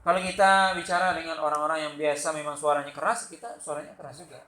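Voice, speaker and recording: High-voiced Sumatran man lecturing in an echoey room. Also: fast talker. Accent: Sumatran Indonesian. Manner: loud, lively storytelling with acted quotes. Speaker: religious teacher. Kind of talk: study-circle lecture. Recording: echoey room with faint background noise.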